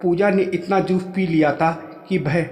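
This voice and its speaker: A man's voice: high voice, steady tone, normal speed, a little mellow. Man narrating a story in an echoey room. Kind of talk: first-person story narration. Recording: echoey room with long reverb.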